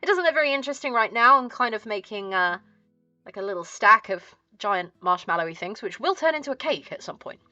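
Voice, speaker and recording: A woman's voice: medium pitch, animated, a little fast, pushed and bright, no echo, highs cut off, soft background music. A woman with a southern English accent chatting casually as a livestream host, chirpy and friendly in a cute streamer manner.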